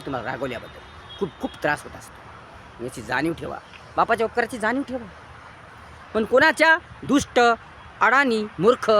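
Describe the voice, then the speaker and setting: A motivational speaker with a Marathi accent delivers an impassioned moral lecture, preachy and repetitive. He swings between loud emphatic bursts and quiet low lines. There is a little hiss or hum.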